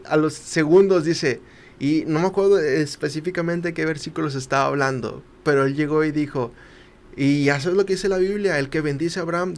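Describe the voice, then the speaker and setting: A young man, a podcast guest telling a personal story. He acts out the quoted voices and turns quiet at the emotional parts. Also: fairly high pitch. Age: young adult. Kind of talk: casual storytelling.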